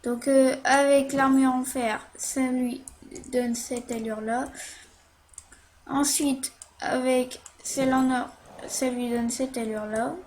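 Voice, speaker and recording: A woman's voice: high voice, fairly even intonation, takes it slowly, darkish tone, a little hiss or hum. A woman talking through a casual game tutorial while she plays, hesitant, with many fillers and little "hop" sounds as she clicks.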